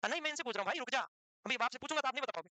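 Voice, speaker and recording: A man's voice: very high-pitched, rapid-fire, sharp tone, dry recording. A man lecturing a nursing class live, teasing students and firing questions at them.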